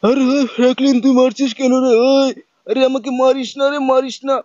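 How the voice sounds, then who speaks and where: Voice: high voice, little pitch movement, quick pace, a little mellow, no echo, muffled recording, natural voice. A gamer voicing a grumbling old man who protests and pleads against being hit.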